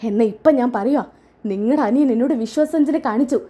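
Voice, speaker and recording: A woman's voice: fairly high pitch, fast talker, dark tone, close to an everyday voice. A woman reading as a hurt, bitter young wife. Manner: sobbing, bitter, defiant complaints.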